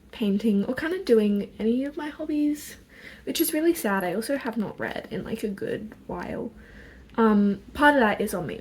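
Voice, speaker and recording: A young woman talks casually to her phone indoors while getting ready. Her voice is fairly high and a little husky, kept quiet so the household is not woken. She rambles chattily and is self-deprecating. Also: low-quality recording. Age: young adult. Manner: speaking quietly so as not to wake anyone. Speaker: vlogger. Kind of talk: casual chat while doing makeup. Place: indoors in own room. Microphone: phone propped on a music stand.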